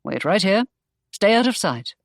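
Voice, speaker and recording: A woman narrator voicing a protective young nobleman suitor, speaking low, teasing and tender. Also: big pitch swings, moderate pace, no echo, clean studio sound.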